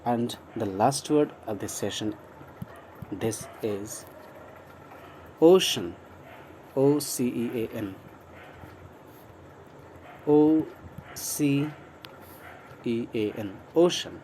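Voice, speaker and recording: A man's voice: medium pitch, extremely slow, pauses often, mellow, slight background noise. A man from India with an Indian accent, teaching English vocabulary in a mix of Hindi and English, spelling words out letter by letter and repeating them encouragingly. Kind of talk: online vocabulary lesson.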